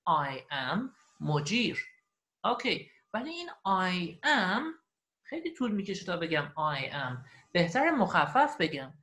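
A man teaching English beginners in a recorded online lesson, repeating each phrase slowly after the audio and then explaining it at length. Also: a little high, bright, forceful tone.

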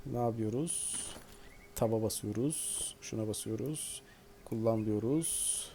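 A man's voice: fairly low pitch, slow, dark tone, a little hiss or hum. A man hosting a gaming video, chatting casually and playfully as he plays and talks back to the game. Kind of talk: casual let's-play commentary.

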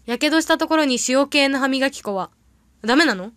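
A young woman with a bright, high voice chats casually to her livestream audience. She rambles through stories and reacts quickly to comments. The sound is dry, with no room echo. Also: animated. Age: young adult. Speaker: idol audition candidate livestreaming. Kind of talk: casual livestream chat reading viewer comments.

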